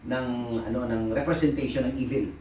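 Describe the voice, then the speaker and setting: Pastor preaching in an echoey room. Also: male voice, medium pitch, fairly even intonation, fairly quick, a little mellow, distant mic, a little hiss or hum. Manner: storytelling, mixing Tagalog and English, laughing at his own anecdotes. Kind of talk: sermon.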